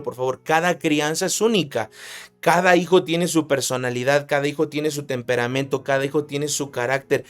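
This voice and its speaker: A man preaching a sermon, emphatic, repeating key phrases for emphasis. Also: mid-range voice. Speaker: pastor.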